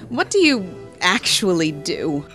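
A woman's voice: lowish voice, very animated, measured pace, a bit bright. A woman playing a good-natured, sardonic reporter in a comic audio drama, talking in a dry, sarcastic way. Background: music.

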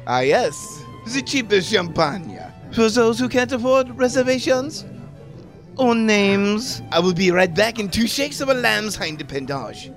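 A man's voice: high-pitched, animated, a little slow. A man playing a haughty, petty waiter with a French accent in a comic audio drama, pompous and disdainful. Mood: sniffy. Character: snobbish, haughty restaurant waiter, contemptuous and petty. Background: music.

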